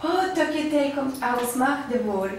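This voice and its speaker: A woman from Barcelona, a beginner German student who talks hesitantly with many pauses in a classroom role-play dialogue. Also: high-pitched, a little hiss or hum. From Barcelona, Spain. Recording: echoey classroom, far from mic.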